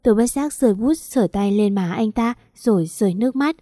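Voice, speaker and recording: A woman narrating a first-person audio story in an even, unhurried way. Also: fairly high pitch, dry recording, studio quality.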